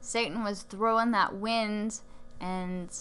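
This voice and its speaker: Slow, bright-voiced woman co-hosting devotionals. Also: mid-range voice, steady tone, clear, resonant tone. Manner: encouraging, gently preachy. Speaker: podcast co-host.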